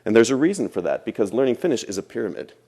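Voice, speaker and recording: A man with a mid-range, gravelly, warm voice lectures very fast in a sing-song way. He's a language teacher in a classroom, explaining step by step and repeating phrases for emphasis.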